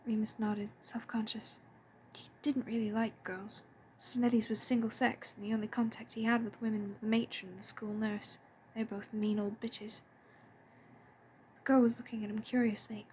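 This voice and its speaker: A woman narrating a story in a soft, hushed, breathy voice, pitched fairly high yet mellow in tone. A faint hiss of noise sits under the reading. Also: level tone, moderate pace. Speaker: fan audiobook reader.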